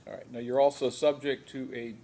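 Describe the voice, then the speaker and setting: An American man speaking as a judge, formally and procedurally questioning a defendant in a measured way with occasional hesitant pauses. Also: medium pitch, little pitch movement, vocal fry, warm tone. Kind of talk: formal plea hearing questioning. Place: courtroom. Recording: noisy courtroom recording.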